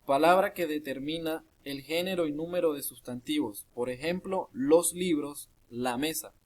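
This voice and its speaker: A man reading a grammar lesson aloud in a measured, list-like way, with small restarts. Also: on the high side. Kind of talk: read-aloud lesson narration.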